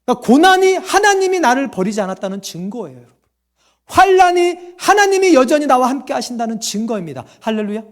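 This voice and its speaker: A man's voice: very high voice, big pitch swings, fast. A man preaching a sermon as pastor, asking the congregation questions and answering them himself, and acting out quoted voices.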